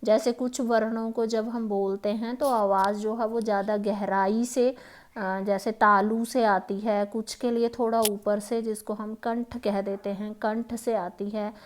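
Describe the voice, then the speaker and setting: A woman with a Himachali Hindi accent, a teacher patiently explaining exam grammar questions, pausing often and checking in with the listener. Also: mid-range voice, flat delivery. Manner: patient, repeats "ठीक है" and "है ना", many hesitations.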